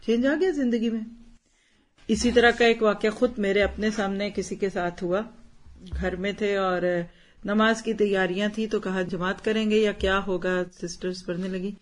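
A woman's voice: mid-range voice, fairly even intonation. Woman teaching at a religious talk, persuasive, keeps asking the room questions, mixes in english words. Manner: persuasive, asks many rhetorical questions.

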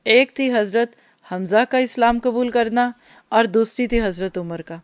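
A woman's voice: a little high, no echo. A woman teaching a religious lecture, telling stories and asking her listeners questions. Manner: storytelling, addresses listeners directly with questions.

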